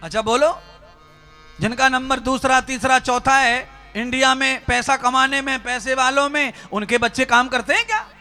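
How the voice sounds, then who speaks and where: A man's voice: extremely high pitch, steady tone, moderate pace, pushed and bright, faint music behind. A man preaching a sermon, exhorting his listeners with rhythmic repeated phrases. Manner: exhorting, direct address to listeners, rhythmic repetition. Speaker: spiritual preacher.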